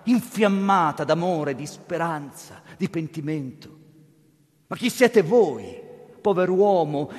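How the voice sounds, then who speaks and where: A man's voice: a little high, natural voice. A man reading as a fervent old cardinal. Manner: impassioned, pleading preacher's cadence. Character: older male cardinal, gentle, fervent, humble. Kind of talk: dramatic reading of a classic novel. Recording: long hall reverb.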